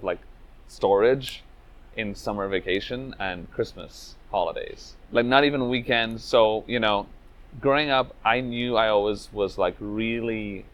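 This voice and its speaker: Low-voiced man, reflective. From Venezuela, raised in Trinidad. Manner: reflective, loose, with frequent "like" and "you know". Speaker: speedrunner interviewee. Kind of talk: casual interview storytelling.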